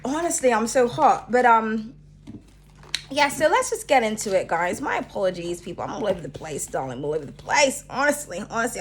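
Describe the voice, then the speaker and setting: Her voice sits high with a fairly bright tone as this young channel host talks casually and rambles straight to camera. Sniffly with hay fever, she frequently adds "okay?" to the end of her points.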